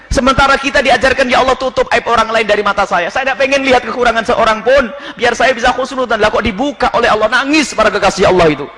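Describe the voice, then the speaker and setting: A man preaching a sermon with an animated, mocking manner, often mimicking others in quick asides. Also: very high voice, long reverb tail.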